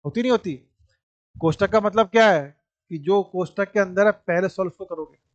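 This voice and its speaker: A man's voice: high voice, fairly quick, no echo. A man teaches a maths class, working through each step and often asking the class rhetorical questions. The sound is dry and close, with a slightly dull, muffled top end. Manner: explains step by step, repeats points and asks rhetorical questions. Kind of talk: classroom lecture.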